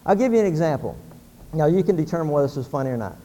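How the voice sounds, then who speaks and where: A man's voice: a little high, animated, rapid-fire, dark tone, in a large hall. A man preaching a sermon, telling jokes and acting out their characters. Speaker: pastor.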